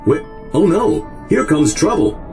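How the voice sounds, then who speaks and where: A man's voice: fairly high pitch, sing-song, measured pace, a little mellow, faint music behind. A man voicing an upbeat male robot guide who narrates a game simulation in a polite, announcer-like robotic manner. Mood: alarmed. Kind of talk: game character dialogue.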